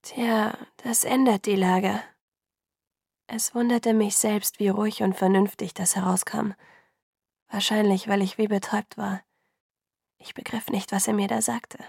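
A woman reading a novel aloud in the first person, calm and measured. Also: mid-range voice, creaky, husky, no room sound, studio quality. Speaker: audiobook narrator. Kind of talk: first-person audiobook narration.

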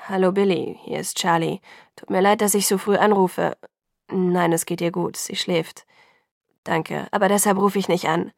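A gruff middle-aged father on the phone, read by a woman, clipped and worried. His voice has a gravelly grain and sounds close and dry, with no room around it. He speaks in short, brisk sentences like a small-town police chief. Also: on the low side, fairly even intonation, no echo.

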